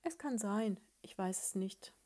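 A woman's voice: on the low side, unhurried, darkish tone, close to an everyday voice. A woman voicing a tired male beetle who mutters sleepy, half-whispered answers.

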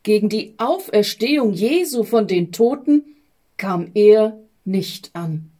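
A woman narrating a storybook in a measured reading. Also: medium pitch, expressive, warm tone.

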